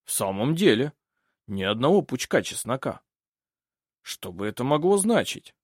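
A man playing a self-assured older French baron in an audiobook, husky and measured. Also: medium pitch, sing-song, dry recording, studio quality. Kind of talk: audiobook character reading.

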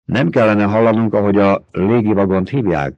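A man's voice: fairly low pitch, a little mellow, no room sound, highs cut off, natural voice. A male narrator voicing a blunt, loyal soldier who questions his lord's plans. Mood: questioning.

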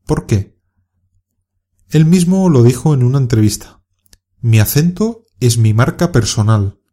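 A man with a Castilian Spanish accent reads a scripted podcast lesson for learners. His voice is mellow and warm, pitched in an ordinary middle range. He explains calmly and clearly and urges learners on. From Spain. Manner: calm, clear, encouraging explanation. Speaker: Spanish teacher.

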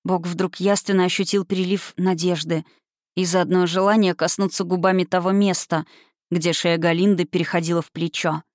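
An audiobook narrator reads steadily and expressively at a middle pitch. The recording is dry and close, with no room sound behind the voice. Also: flat delivery, moderate pace, dry recording. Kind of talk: scripted narration.

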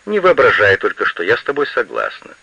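A grumpy old woman who orders everyone about and scolds without letup, read by a man. The voice is bright and a little husky, with wide swings in pitch. It comes through a muffled, lo-fi radio recording. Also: huge pitch swings, normal speed, no echo, heavily acted. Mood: grumbling. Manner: scolding, imperious. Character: grumpy, fussy older woman, a mother-in-law.

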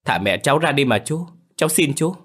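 A man's voice: medium pitch, animated, brisk, fairly bright tone, breathy edge, pitched above the performer's own voice. A man voicing a terrified young girl who begs through tears. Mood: begging tearfully. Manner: pleading, crying. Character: terrified young girl, the storyteller's child self.

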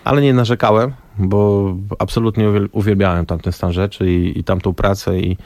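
A man's voice: lowish voice, fairly quick, dry recording. A man, a former press officer for a national football team, telling stories in a radio studio interview and acting out the quoted lines. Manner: lively anecdotal storyteller, acts out quoted dialogue. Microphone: studio microphone.

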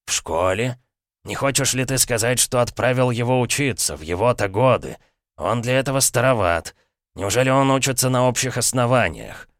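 A man voicing a sly, pompous middle-aged uncle, smooth and mock-courteous, with an ironic tone. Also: medium pitch, expressive, normal speed, dry recording, clean studio sound, voice pushed up, lightly acted. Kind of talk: audiobook character voice.

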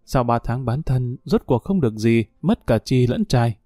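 A man's voice: medium pitch, expressive, moderate pace, mellow, no echo, studio quality, lightly acted. Man reading as a bitter young woman.

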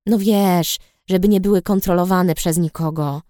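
A woman voicing a sly, charming young man who speaks quietly, in an audiobook reading. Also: fairly even intonation, normal speed, no echo, clean studio sound, close to an everyday voice. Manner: hushed, low-key. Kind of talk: audiobook character voice.

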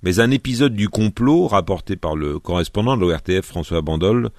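A man's voice: deep voice, lively intonation, brisk, a little mellow, slight background noise. A man narrating a radio history program from a script, with wry, ironic commentary.

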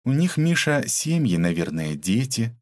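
A man's voice: medium pitch, big pitch swings, measured pace, a little mellow, no echo, studio quality, pitched above the performer's own voice. A man reading an audiobook aloud, voicing a tough, ironic young woman detective who mocks and lectures. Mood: mocking. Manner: mocking, cold, lecturing.

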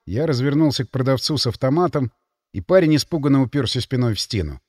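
A man's voice: mid-range voice, expressive, fast talker, a little mellow, no room sound, clean studio sound. A man narrating an audiobook in the first person, in a wry, matter-of-fact manner.

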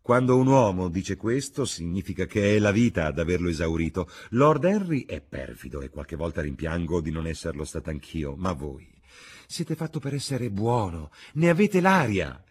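A man's voice: deep voice, big pitch swings, moderate pace, slightly rough, voice pushed up, exaggerated voice. A man voicing a chattering elderly aristocratic hostess, gushing and theatrical. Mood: gossipy.

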